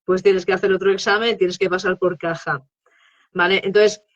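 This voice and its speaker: A woman's voice: mid-range voice, little pitch movement, moderate pace, highs cut off. A woman, a guest expert on English teaching, explaining her method in a live interview and checking in often with tag questions.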